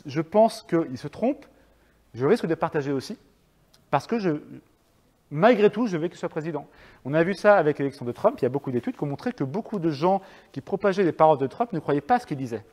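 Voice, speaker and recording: A man's voice: fairly high pitch, darkish tone. A French man giving a public talk to an audience, chatty and hesitant with many fillers and restarts. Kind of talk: lecture with audience questions. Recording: long reverb of a hall.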